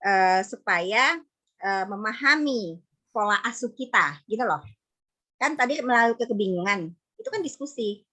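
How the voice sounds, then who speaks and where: A woman psychologist in her thirties talks through parenting advice in a relaxed, chatty way. She keeps slipping into little acted-out exchanges between a mother and child. Her voice sits at an ordinary middle pitch. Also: moderate pace. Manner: conversational, acts out mother-child dialogue. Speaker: psychologist speaker. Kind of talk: parenting talk in an online study session.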